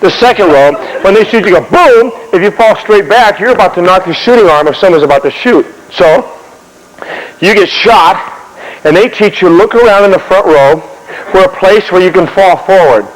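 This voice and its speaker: A man's voice: high voice, animated, normal speed. A man telling a historical story in a lecture, acting out scenes and making sound effects. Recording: long hall reverb.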